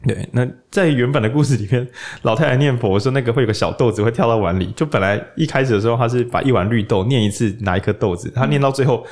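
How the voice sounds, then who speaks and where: Taiwanese guy hosting a podcast, talks fast, lively storyteller who acts out the voices. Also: mid-range voice. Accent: Taiwanese Mandarin. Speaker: podcast host. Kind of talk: casual podcast chat and storytelling.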